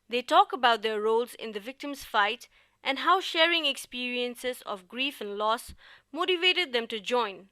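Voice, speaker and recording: A woman from Nepal co-hosting a podcast, giving measured, scripted narration. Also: a little high, animated, bright, forceful tone, no room sound. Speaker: podcast co-host.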